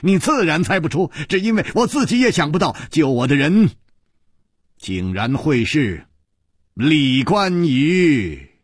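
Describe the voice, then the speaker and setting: A male storyteller voicing a composed, wry hero who speaks slowly and knowingly. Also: fairly high pitch, slightly rough, no room sound, clean studio sound, pitched above the performer's own voice, heavily acted. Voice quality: calm, wry, drawn-out.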